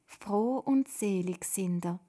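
A woman voicing a calm male preacher speaking slowly and reassuringly, with a Swiss German accent. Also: mid-range voice. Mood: solemn.

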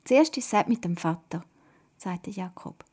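Softly whispering storyteller woman. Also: mid-range voice, a little slow, breathy edge. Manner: gentle, often whispering, animated quoted voices. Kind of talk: soft whispered story narration.

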